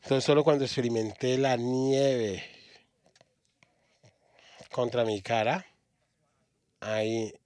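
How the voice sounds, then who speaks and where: A male preacher from Australia delivers a sermon at a middle pitch, often pausing and repeating words as he gathers his thoughts. The voice is close and dry, with hardly any room sound. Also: fairly even intonation, a little mellow, no echo. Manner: halting, frequent restarts and repeated words. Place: church.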